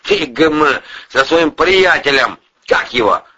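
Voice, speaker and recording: A man voicing a bullying middle-aged male oligarch who barks insults and shouts, on an audiobook. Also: on the high side, animated, unhurried, breathy edge, muffled recording, pitched above the performer's own voice, exaggerated voice. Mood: scornful. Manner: barking, scornful, shouting insults.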